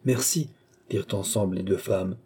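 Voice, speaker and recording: Dark, husky male audiobook narrator. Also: fairly low pitch. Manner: measured storytelling. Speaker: audiobook reader. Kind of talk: scripted literary narration.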